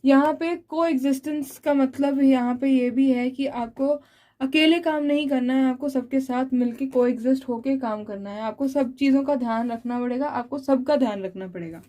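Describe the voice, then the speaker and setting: A woman with a high but mellow voice gives a monthly tarot reading. She walks through each card at an unhurried pace and speaks straight to her viewers. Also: poor audio. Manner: explains each card slowly, addressing the listener directly. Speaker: tarot reader.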